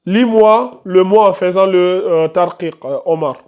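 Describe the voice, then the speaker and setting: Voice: medium pitch, unhurried, a little mellow, clean tone. A Quran recitation teacher leading a class, patiently questioning students by name and correcting their reading.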